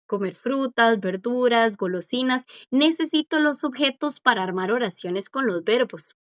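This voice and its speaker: A woman's voice: a little high, lively intonation, moderate pace, a bit bright, no echo. A woman teaching a language class, patient and encouraging as she quizzes students and praises their answers. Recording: dull lo-fi dry audio.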